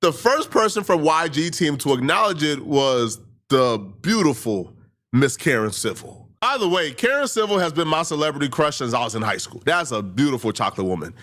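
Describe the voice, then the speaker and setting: Male commentary host, casual, lively swinging delivery. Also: a little high, fairly quick. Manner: animated, laughs easily, repeats for emphasis.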